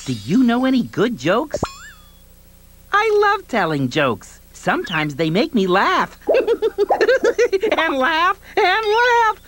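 Face, a giggly cartoon face. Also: female voice, on the high side, huge pitch swings, slow, fairly bright tone, a little hiss or hum, exaggerated voice. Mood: giggly playful. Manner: giggly, playful, talks to kids. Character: cheerful giggly cartoon face, childlike joker. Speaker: kids' channel mascot. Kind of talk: children's TV cartoon bumpers. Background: music.

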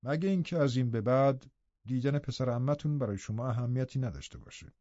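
A man voicing a bitter, scheming middle-aged man in an audiobook, speaking in a low, muttering, sardonic manner. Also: animated, dark tone, no echo, natural voice. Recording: dull, dry audiobook recording.

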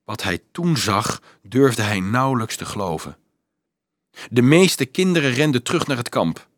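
A man reading a novel aloud as narrator, with dramatic, expressive storytelling. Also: medium pitch, normal speed, dry recording, studio quality. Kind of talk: audiobook narration.

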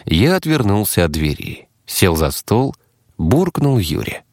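A man with a fairly low voice narrating a first-person fantasy audiobook. His delivery is expressive and conversational, with a very animated melody. The recording is dry and close. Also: unhurried, no room sound.

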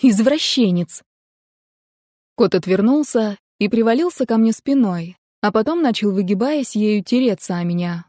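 A woman's voice: mid-range voice, lively intonation, moderate pace, hardly any pauses, mellow, no echo, clean studio sound. A woman narrating a story in the first person with a wry, exasperated manner. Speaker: audiobook narrator.

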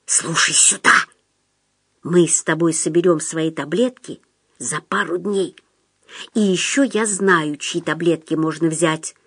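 A woman voicing a manipulative male psychiatric patient who talks in a low, insistent, conspiratorial way. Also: a little slow, husky, no room sound, clean studio sound, heavily acted. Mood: scheming.

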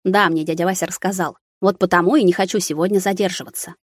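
A woman's voice: lowish voice, steady tone, quick pace, no room sound, studio quality, lightly acted. A woman reading the lines of a young male student, earnest and persuasive. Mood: tender, insistent.

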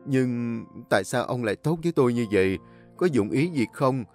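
A man voicing a poor, humble older male farmer who talks in an earnest, plain-spoken way, a bit higher than his own voice. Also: expressive, moderate pace, faint music behind, close to an everyday voice.

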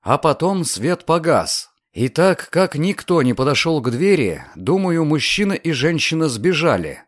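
A man voicing a young lawyer, confident and insistent, speaking in a raised, lively voice. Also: on the high side, unhurried, no room sound, clean studio sound, voice pushed up.

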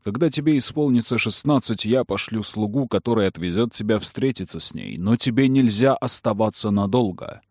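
A man playing a cold, manipulative noble father who speaks slowly and firmly. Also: fairly low pitch, animated, darkish tone, no room sound, clean studio sound. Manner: slow, firm, measured. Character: cold powerful aristocratic father, calm and manipulative.

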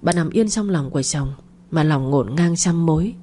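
A woman narrating a dramatic family story in a steady, expressive way. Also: low-pitched, moderate pace, husky.

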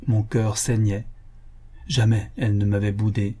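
A man reading a novel aloud in measured, earnest narration. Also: lowish voice, steady tone, dark tone, husky. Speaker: audiobook narrator. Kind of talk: scripted narration.

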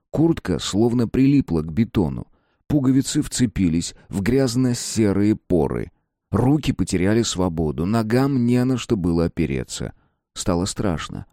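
A man narrates a story with expressive, dramatic reading. His low, mellow voice ranges widely in pitch, recorded dry and close with no room sound. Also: dry recording. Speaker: audiobook narrator. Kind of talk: scripted narration.

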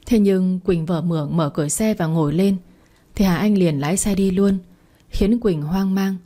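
A woman narrating a story in the first person with a steady, plain reading. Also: fairly low pitch, moderate pace.

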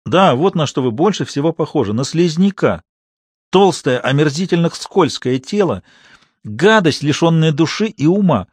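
A man reading a cold, mocking young male actor who stays icy calm and speaks in cutting, sarcastic tones, in an audiobook. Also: on the high side, normal speed, husky, no echo, studio quality, pitched above the performer's own voice. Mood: coldly mocking.

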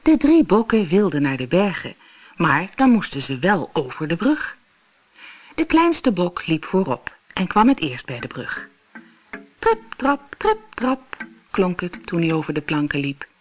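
A storyteller reading a fairy tale audiobook for children in an expressive, unhurried way. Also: mid-range voice.

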